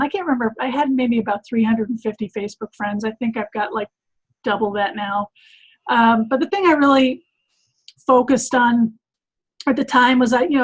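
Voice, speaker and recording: A woman's voice: a little high, rough recording. A woman coach talking casually on a group call, rambling with many ums and restarts. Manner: rambling, lots of fillers and restarts. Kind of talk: casual chat.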